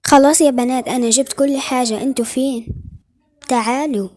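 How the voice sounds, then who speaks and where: A woman's voice: high voice, fairly even intonation, fast talker, warm tone, no echo. A woman with an Egyptian Arabic accent voicing a busy mother giving her daughters orders in a game role-play. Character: busy, caring mother of two girls.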